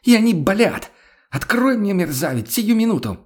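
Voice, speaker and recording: A man voicing a furious stranded townswoman in an audiobook, yelling hoarse, insulting demands. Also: on the high side, normal speed, voice pushed up, natural voice. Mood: shrieking furious. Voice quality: hoarse shrieking. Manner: yelling, insulting, banging on the door. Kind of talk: audiobook character voice.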